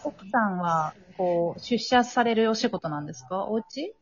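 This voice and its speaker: A woman's voice: medium pitch, lively intonation, unhurried. A woman hosting a podcast interview, asking questions and giving frequent short acknowledgments. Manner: attentive, frequent backchannel nods. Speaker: podcast host. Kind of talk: casual interview. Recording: dull lo-fi audio.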